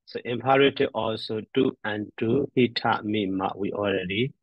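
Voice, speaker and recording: A man teaching grammar as he recites word forms, halting and repetitive as he thinks aloud. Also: fairly low pitch. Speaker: teacher, addressed as a Buddhist monk. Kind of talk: grammar lesson on verb endings, reciting forms. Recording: dull, roomy lo-fi audio.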